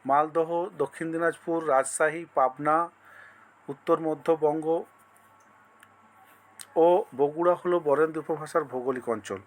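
A man's voice: fairly high pitch, steady tone, unhurried, pauses often. A male teacher running an exam-prep lesson, reading out multiple-choice questions, listing each option and then giving the answer.

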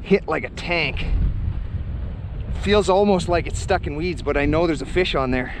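A man filming a fishing vlog from a kayak on a windy lake, talking to his viewers and getting wildly excited as he lands a fish. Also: fairly high pitch, moderate pace. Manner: excited, breathless exclamations while landing a fish. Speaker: fishing vlogger. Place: on a kayak on a lake, outdoors in the wind. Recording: faint wind noise on the mic.

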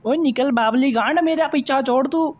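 A man's voice: extremely high pitch, moderate pace, a little hiss or hum, voice pushed up. A man dubbing a foul-mouthed, rude woman passerby in a mobile game, swearing and shooing someone away. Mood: annoyed.

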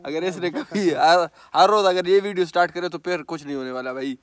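A man's voice: high-pitched, fairly quick. A man, a tutor, casually narrating his day's plans in a vlog. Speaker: tutor and vlogger.

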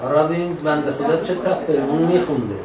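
A man's voice: on the high side, crowd noise. A man in the class, making short comments and questions to the teacher from the audience. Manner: brief interjections from the audience. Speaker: student in the class. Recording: distant, echoey room with faint noise.

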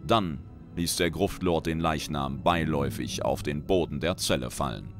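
A man reading a dark fantasy short story aloud in a measured, dramatic storytelling manner. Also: extremely low pitch. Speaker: reader and lore commentator. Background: background music.

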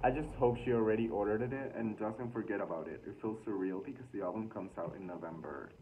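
A man's voice: lowish voice, fast. A young man casually reading his own diary aloud with embarrassed, self-mocking asides, like a vlogger talking to the camera. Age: young adult, early twenties. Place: small room indoors. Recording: thin phone-like sound with loud noise.

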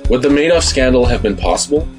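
A man's voice: mid-range voice, animated, fast talker. A man interviewing a guest, asking short prepared questions. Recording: music behind a distant voice.

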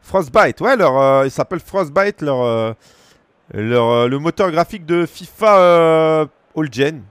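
A man's voice: a little high, animated, measured pace, smooth, dry recording. A man in his thirties from France, streaming a football game and bantering with his chat in slangy, joking asides. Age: 30s. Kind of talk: casual gaming stream chat.

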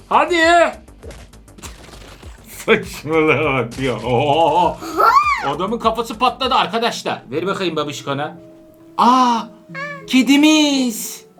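An adult parent doing excitable gameplay commentary while playing with their daughter, laughing and calling out often. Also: mid-range voice. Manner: animated, laughing, frequent outbursts. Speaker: let's-play gamer playing with their daughter.

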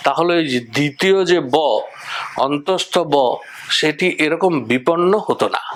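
A man explaining the letters and their sounds in a measured, step-by-step spoken lesson, listing examples one by one. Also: fairly high pitch, a bit bright, slight background noise. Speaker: teacher of Bengali script.

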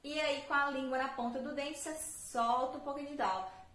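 Brazilian woman teacher, high-ish voice, slow drilling delivery, echoey room. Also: steady tone, a bit bright, slight background noise. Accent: Brazilian Portuguese. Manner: slow, patient drilling, repeating words for practice. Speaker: English teacher. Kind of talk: online language lesson.

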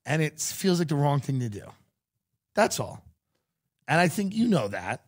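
A man's voice: fairly high pitch, sing-song, moderate pace. A man hosting a podcast, lecturing his producer in casual chat, full of stammered restarts and mocking put-on quotes. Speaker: podcast host.

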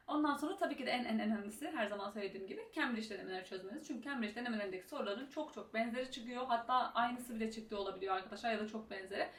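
A young woman giving casual exam-speaking tips as a tutor, talking fast and chatty with many fillers. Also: on the high side. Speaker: IELTS tutor and YouTuber. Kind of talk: casual advice vlog. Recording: roomy echo, mic at a distance, faint room noise.

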